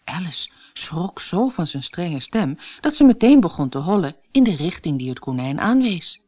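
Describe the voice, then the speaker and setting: Expressive woman reading a fairy tale. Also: fairly low pitch, moderate pace. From Netherlands. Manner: expressive, storybook narration. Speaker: storyteller.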